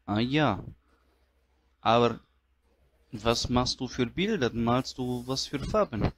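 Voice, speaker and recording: A man doing a naive, earnest immigrant, talking slowly in broken grammar. He is polite and wide-eyed, telling his story as a comedy character monologue. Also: medium pitch, animated, fairly bright tone. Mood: puzzled.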